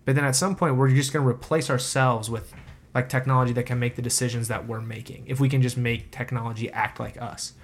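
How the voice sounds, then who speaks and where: A man's voice: medium pitch, steady tone, brisk. A man co-hosting a casual discussion, rambling and filling his talk with constant "like".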